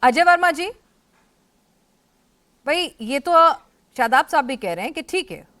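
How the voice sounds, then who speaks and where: A woman's voice: sits high, sing-song, measured pace, fairly bright tone. A woman news anchor moderating a TV debate, pressing guests with pointed, insistent questions.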